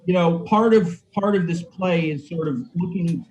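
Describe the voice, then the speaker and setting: A playwright on a video call discusses his writing in a casual, hesitant way, frequently repeating himself. Heard through a computer mic in an indoor room, his high, slightly mellow voice moves at a moderate pace on a rough recording with a little background noise.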